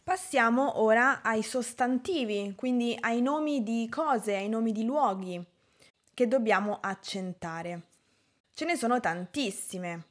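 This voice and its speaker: A woman teaching a language lesson, pronouncing example words carefully and deliberately. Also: a little high. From Italy. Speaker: Italian teacher. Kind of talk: slow, clear language lesson.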